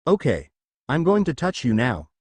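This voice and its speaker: A man voicing a calm, deadpan teenage boy in a fanfiction reading, close to his own voice. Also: mid-range voice, normal speed, breathy edge, no echo. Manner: plain, deadpan delivery.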